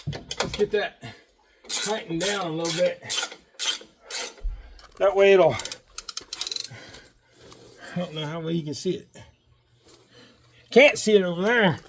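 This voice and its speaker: A man's voice: high voice, takes it slowly, long pauses, noisy background. A man giving casual, joking running commentary while he changes truck struts outdoors and talks to a helper. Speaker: DIY mechanic vlogger.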